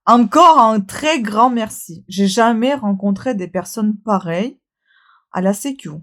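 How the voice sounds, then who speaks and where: A woman's voice: fairly high pitch, animated, a little slow. A tired woman vlogger chatting casually, rambling with many fillers and restarts. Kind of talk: casual vlog chat.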